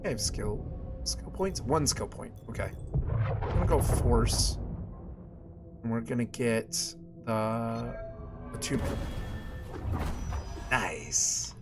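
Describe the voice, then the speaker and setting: A man's voice: medium pitch, expressive, slow, pauses often. Chatty male game streamer over music. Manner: chatty, family-friendly, exclaims at small things. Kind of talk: casual live stream chat while gaming.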